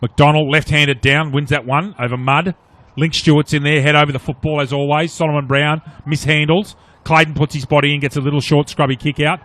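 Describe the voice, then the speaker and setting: A man with an Australian accent giving live play-by-play of an Australian rules football match in short, clipped, animated phrases. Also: on the high side, fairly quick. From Australia, regional New South Wales. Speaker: sports commentator. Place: outdoor commentary box at a suburban football oval.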